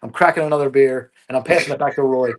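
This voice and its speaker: A man selling comic books during a live auction stream, with upbeat, brisk salesman patter. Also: mid-range voice, steady tone, a little hiss or hum.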